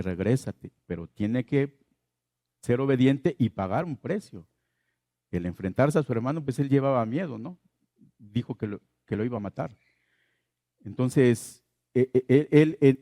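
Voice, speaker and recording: A man's voice: medium pitch, unhurried, dark tone, dry recording, studio quality. A man preaching a sermon as pastor, asking the congregation questions and repeating his key phrases.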